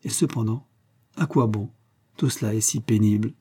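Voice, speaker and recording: A man voicing a grave, lovesick colonel in an audiobook, passionate and earnest. His voice is dark and husky, low in brightness, with a mellow warmth. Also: normal speed. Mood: wistful.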